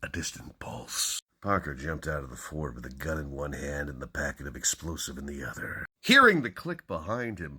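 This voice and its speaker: A man giving a hammy, theatrical dramatic reading, launching lines loudly and dropping to hushed, breathy endings. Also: a bass voice. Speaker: book enthusiast reading aloud.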